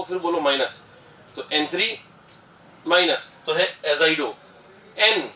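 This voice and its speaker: Guy teaching chemistry, high voice, keeps quizzing the class and repeating stuff, roomy echo, mic off at a distance. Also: pushed and bright. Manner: addresses students as "beta", repeats terms, asks and answers own questions. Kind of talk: classroom lecture mixing Hindi and English. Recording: echoey room, far from the mic.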